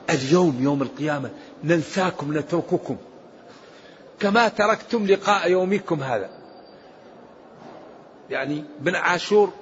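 A man giving a Quran commentary lesson as a religious scholar, emphatic and rising sharply when he recites verses. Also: on the high side. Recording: dull lo-fi recording with faint hiss.

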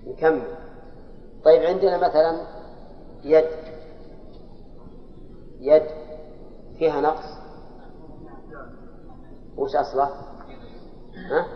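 A man's voice: a little high, slow pace, pauses often. A man teaching a grammar class, explaining step by step and quizzing his students. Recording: echoey hall, dull lo-fi sound, faint hiss.

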